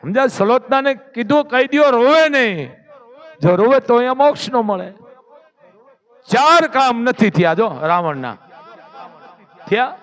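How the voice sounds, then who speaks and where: A man telling a devotional story in an animated, dramatic, lecturing way. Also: extremely high pitch, measured pace, pauses often. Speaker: religious storyteller.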